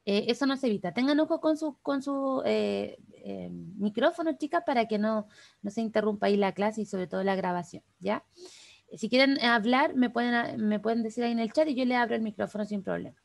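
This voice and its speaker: A Chilean woman leads a class over a video call, chatting quickly and turning often to the people listening. Her voice sits a little high and carries a noticeable gravelly fry. The sound is dry and close, with no room around it. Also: dry recording. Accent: Chilean Spanish. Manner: fast, chatty, addresses participants directly. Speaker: workshop instructor. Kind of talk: online class talk.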